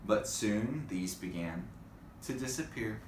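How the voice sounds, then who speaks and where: Slow and lively in intonation, a man with a fairly low voice reads a storybook expressively for children, breaking in with chatty remarks to them. An echoey room and faint background noise make up the recording.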